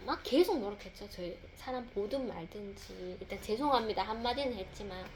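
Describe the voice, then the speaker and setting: A woman's voice: medium pitch, a little fast, darkish tone, a little hiss or hum. A mother telling a personal faith testimony, rambling, with many fillers and repeated words.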